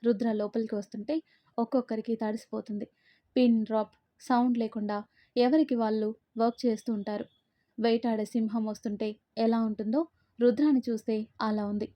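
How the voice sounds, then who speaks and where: A woman narrating a romance story, voicing the lovers' banter herself in a lively way. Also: a little high, a little fast, no echo. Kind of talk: dramatic story reading. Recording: dull, muffled dry recording.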